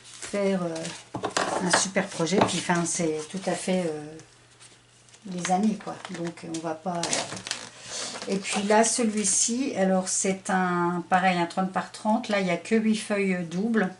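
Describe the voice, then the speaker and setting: A woman's voice: on the low side, fairly even intonation, unhurried, noisy background. A middle-aged woman chatting through a scrapbooking haul, hesitant, with many fillers. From France. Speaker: scrapbooking vlogger. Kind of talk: casual haul show-and-tell.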